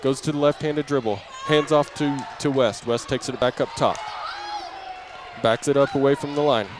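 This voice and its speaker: Inside a basketball gym during a game, a man delivers live radio play-by-play in clipped bursts, getting louder as the action picks up. His medium-pitched voice is steady and moderately paced, backed by noisy gym sounds and bouncing balls.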